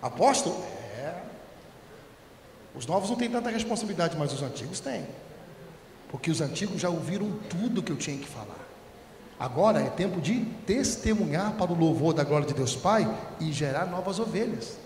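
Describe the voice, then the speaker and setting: A Brazilian pastor preaches with a high, swooping voice, playfully calling on members of his congregation and acting out conversations. He is recorded in a church hall with long, echoing reverb. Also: moderate pace, a little hiss or hum. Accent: Brazilian Portuguese. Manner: animated, teasing the congregation, acting out dialogue. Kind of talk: sermon.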